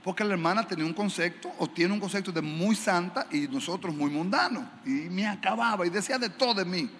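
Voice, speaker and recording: Man, pastor, animated sermon, high voice, reverberant church, faint background noise. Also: brisk. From Dominican Republic. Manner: animated storytelling, acting out dialogue. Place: large church sanctuary.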